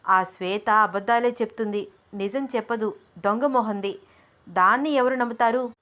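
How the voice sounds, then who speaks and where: A woman voicing a jealous, quick-tempered young woman in love, speaking sharply in a raised voice in a storybook reading. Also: fairly even intonation, natural voice. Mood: jealous angry. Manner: sharp, indignant, raised pitch.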